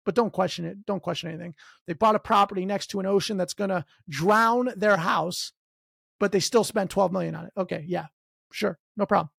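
A man hosting a podcast, delivering a sarcastic political comedy rant that swings between loud outbursts and low mutters. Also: a little fast, gravelly, breathy edge, dry recording, studio quality. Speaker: podcast host.

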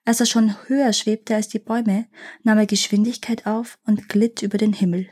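A woman reading a fairy tale aloud in a clear, measured storytelling manner. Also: medium pitch, flat delivery, a little mellow.

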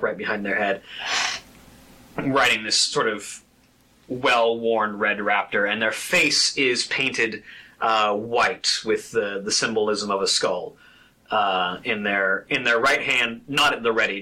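A man runs a tabletop game as game master, improvising scene descriptions in halting pieces. His voice is lowish, husky and very sharp-edged. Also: low-quality recording. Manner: halting, piecing descriptions together.

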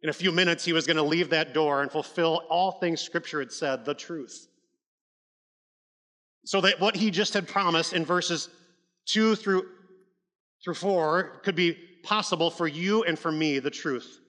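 A man's voice: fairly high pitch, measured pace, fairly bright tone, long reverb tail. A male pastor preaching a sermon in a conversational, emphatic way, with frequent restarts and asides.

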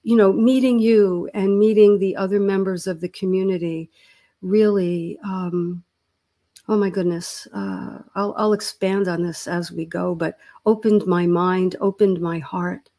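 A woman's voice: lowish voice, steady tone, measured pace, mellow. A woman in her sixties, a therapist co-hosting a podcast, talking in a reflective, earnest way and searching for her words. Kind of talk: casual podcast chat.

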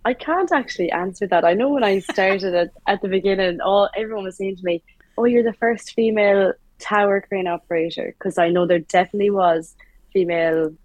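A woman's voice: medium pitch, a little fast, a little mellow, dry recording, rough recording. A young woman with a west of Ireland accent, chatting informally as a guest in a casual interview. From Galway, west of Ireland. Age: young adult. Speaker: tower crane operator, interview guest.

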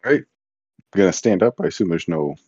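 A man with a low, mellow voice plays a tabletop game, chatting casually and joking. The sound is a little dull and dry. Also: lively intonation, a little fast, husky, dry recording. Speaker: player.

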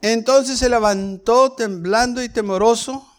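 A man's voice: extremely high pitch, a little slow. A man preaching a Bible study sermon, going through the passage verse by verse and asking his listeners questions.

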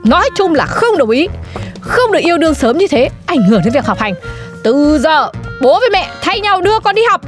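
Woman doing a nagging middle-aged mom, high, swoops up and down, faint music. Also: big pitch swings, a little fast. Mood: exasperated. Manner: nagging, exasperated scolding. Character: scolding middle-aged mother, nosy shopkeeper. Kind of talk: comedy sketch acting.

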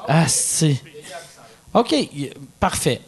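A man's voice: a little high, very slow. A man with a Quebec French accent hosting a casual chat, joking and chiming in. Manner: lively, joking interjections.

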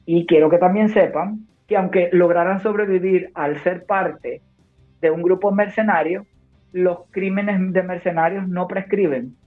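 A Cuban woman who works as a war correspondent and nurse speaks emphatically and urgently in long turns during a phone interview. Her fairly low voice stays steady and unhurried, with faint music behind it. The phone line sounds tinny.

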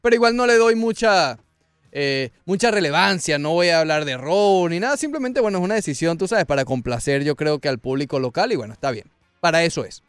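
Man, sports panel, high clear voice, opinionated, dry mic. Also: expressive, fairly quick, no echo, faint music behind. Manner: opinionated, explains his pick step by step. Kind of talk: studio sports talk.

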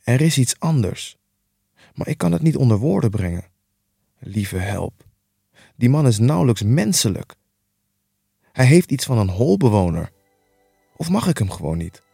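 A man voicing a cautious, troubled lawyer who speaks in a measured way and muses aloud, in a book reading. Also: medium pitch, big pitch swings, creaky, mellow, husky, no echo, clean studio sound, soft background music, full character voice. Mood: brooding. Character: cautious, troubled middle-aged male lawyer.

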